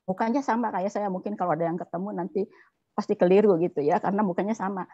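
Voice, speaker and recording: A woman's voice: mid-range voice, steady tone, quick pace, mellow, husky, no echo, lo-fi sound. A woman in an online class sharing a personal testimony, telling it in an emotional, rambling way over a video call.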